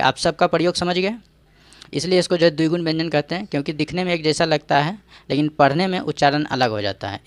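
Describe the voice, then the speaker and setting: This male teacher's voice sits on the high side, and there is no room sound. He takes the viewer through exam-prep grammar one step at a time, with frequent "ठीक है" check-ins and rhetorical quiz questions.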